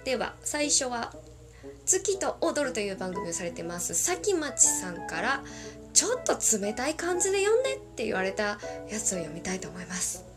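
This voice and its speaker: A woman chatting on her podcast, her pitch jumping around with a lively, bouncy intonation. She is playful and a little self-conscious, giggling between listener requests as soft music plays underneath. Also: normal speed. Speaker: podcast host. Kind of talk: casual talk reading listener requests. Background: faint background music.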